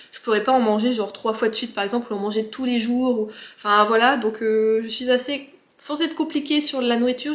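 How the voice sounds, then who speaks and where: Female vlogger, higher-pitched voice, casual and rambling Q&A chat, strong room echo. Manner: chatty, rambling, self-interrupting. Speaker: book and lifestyle vlogger answering viewer questions. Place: echoey home office, indoors. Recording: echoey, resonant room.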